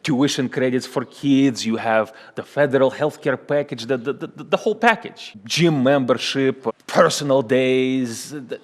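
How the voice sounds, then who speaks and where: Comedy sketch: man playing a smug Russian union boss, halting broken English, middle pitch, long reverb. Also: natural voice. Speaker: union spokesman.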